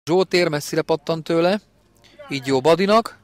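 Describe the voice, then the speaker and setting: A man giving excited live football commentary as a partisan match commentator. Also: a little high. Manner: excited, builds to shouted goal calls, partisan for the home team.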